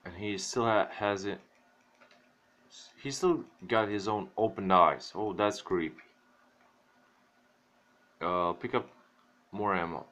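A man's voice: fairly low pitch, takes it slowly, long pauses, fairly bright tone, dull audio. A man giving casual gameplay commentary on a horror game, swearing, joking and chewing gum as he reads game text aloud. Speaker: gamer playing a horror game.

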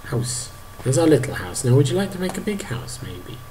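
A man in his thirties narrating a video game to his toddler, animated, exclaiming and making playful sound effects. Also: mid-range voice, a little fast, music in the background. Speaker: parent playing a video game.

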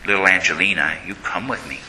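A man preaching, voicing an angel who gives calm, firm instructions. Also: a little high, a little slow, reverberant, a little hiss or hum, exaggerated voice, poor audio. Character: calm guiding angel, commanding.

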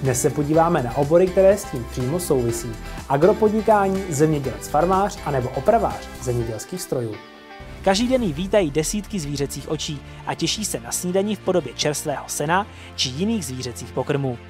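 A man's voice: a little high, music in the background. A young man presenting an educational program in a formal, scripted narration. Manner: formal, even delivery.

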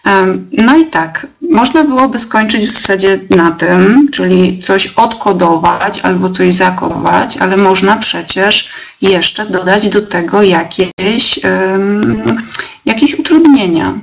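A young woman teacher leading a live webinar, explaining step by step with many fillers and pauses. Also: medium pitch, gravelly. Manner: slow, hesitant, many fillers, reads out chat replies.

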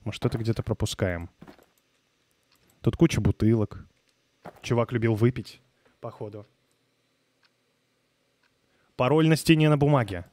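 A man with a mid-pitched voice gives casual commentary as a game streamer. He mutters to himself in puzzlement, slips in swear words and talks to his chat, recorded close and dry on a streaming microphone. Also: measured pace, long pauses, a little mellow, no room sound. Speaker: live streamer. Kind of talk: casual gaming live stream commentary, reading and answering chat.

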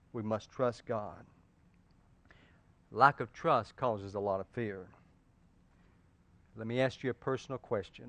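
A man preaching a sermon, swinging from loud pleading peaks to soft earnest talk and asking his listeners direct questions. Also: mid-range voice.

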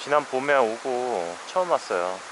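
This man's voice sits at medium pitch, expressive and moderately paced, as he narrates his solo fly fishing trip in a casual first-person way. Wry and a little weary, he talks to himself by a shallow mountain stream, picked up by a head-mounted action camera with water noise in the background.

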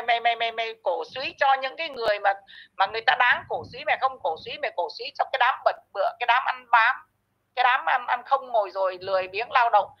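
A woman hosting her own channel, ranting and scolding someone who is not there in a harsh, insulting commentary monologue. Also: a little high. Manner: scolding, insulting, addresses absent target directly. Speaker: channel host. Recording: muffled lo-fi audio.

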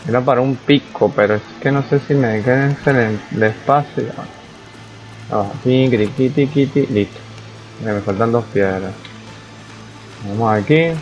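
A man's voice: medium pitch, a little slow, muffled recording, faint music behind. Man casually narrating his gameplay. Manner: chatty, reacts aloud to the game, talks to himself. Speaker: gaming YouTuber. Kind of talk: casual let's-play commentary.

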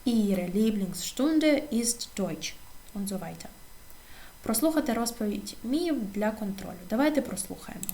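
Slow Ukrainian-accented German teacher. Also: female voice, medium pitch, lively intonation, mellow. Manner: reads sentences slowly, translating into Ukrainian. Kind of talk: slow textbook walkthrough for pupils.

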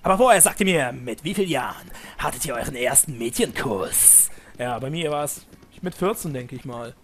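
A man's voice: mid-range voice, expressive, normal speed, fairly bright tone. A young man giving casual, chatty game commentary, swearing now and then and talking to his viewers. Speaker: let's play commentator. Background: game music.

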